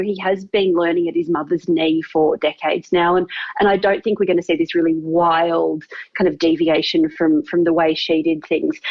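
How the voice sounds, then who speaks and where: A woman's voice: on the low side, lo-fi sound. A woman royal expert giving thoughtful, hedging answers in an interview.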